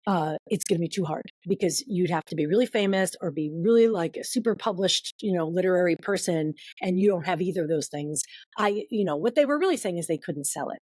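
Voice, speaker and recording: A woman guest on a podcast telling a long personal story in casual conversation, acting out quoted voices with big jumps in pitch. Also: expressive, a little fast, darkish tone, no room sound.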